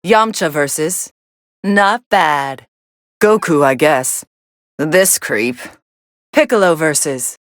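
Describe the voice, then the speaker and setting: Fighting game role: sardonic young android woman, lowish pitch, dry studio sound, dismissive commentary. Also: takes it slowly, long pauses, no room sound. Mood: cool, detached. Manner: deadpan, dismissive.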